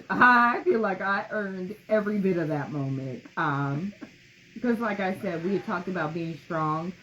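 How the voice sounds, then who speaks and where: A woman's voice: fairly low pitch, animated, unhurried, pushed and bright, a little hiss or hum, poor audio. A woman co-hosting a casual podcast conversation, telling things in a candid, emphatic way. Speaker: podcast co-host.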